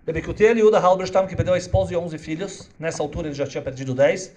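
A man telling a religious story dramatically, moving between hushed and loud. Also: a little high, fast, a little hiss or hum.

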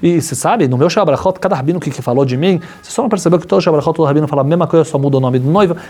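A man, a religious teacher, telling a story in an animated class, his voice climbing high when excited. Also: rapid-fire, breathy edge.

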